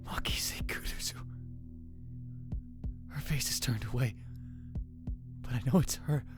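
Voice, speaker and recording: Over music, a man with a husky, mid-range voice speaks unhurriedly and only lightly acts, playing a young male student shaken by a murder. As narrator and lead voice in a fan dub of a visual novel, he delivers a tense first-person inner monologue that often sinks to a whisper.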